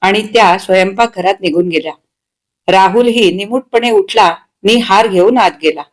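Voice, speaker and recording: A woman reading a short story aloud in a steady, expressive narrating voice. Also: medium pitch, normal speed.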